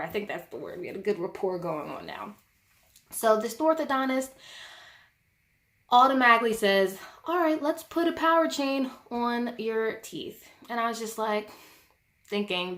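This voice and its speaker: A woman's voice: medium pitch, fairly bright tone. A young adult woman venting to camera in a casual vlog, telling a frustrating story in an exasperated way and filling her talk with "like". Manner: heavy use of "like" as filler. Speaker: vlogger.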